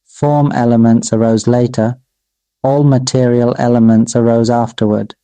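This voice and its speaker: A monk preaches the dharma in a clean, very dark and mellow voice, his delivery flat and his pitch nearly unchanging. The phrasing is slow, measured, and repetitive, like an incantation, and he talks to his own voice as "Mister Voice." There's no room echo; the sound is close and dry.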